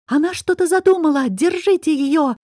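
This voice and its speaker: A woman playing a shouting young female student. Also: high-pitched, lively intonation, normal speed, no room sound, clean studio sound, voice pushed up. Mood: alarmed. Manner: yelling, alarmed. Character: excitable young female student, loud and bossy.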